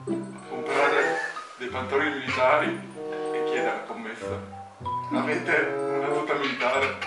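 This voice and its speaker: A man's voice: mid-range voice, fairly even intonation, normal speed. A man in his twenties telling short jokes in a casual way. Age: 20s. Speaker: contestant in a joke challenge. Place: home kitchen-dining room, indoors. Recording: echoey room, slightly distant, music behind.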